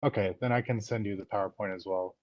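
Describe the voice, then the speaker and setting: A man's voice: fairly low pitch, fairly even intonation, fast, dry recording, muffled recording. A man talking casually in a meeting held over a group phone-style conference call. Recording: noisy conference call line with clicks.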